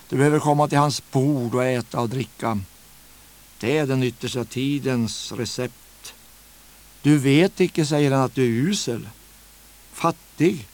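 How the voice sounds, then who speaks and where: A man preaching a sermon in an earnest, emphatic way, putting direct questions to his listeners and slowing down to stretch key words. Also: medium pitch, a little mellow.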